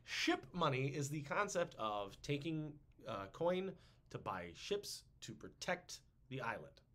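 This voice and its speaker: A man's voice: a little high, slow pace. A man hosting a casual history podcast, joking around and slipping into silly voices. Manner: animated, jokey, puts on silly voices. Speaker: podcast host.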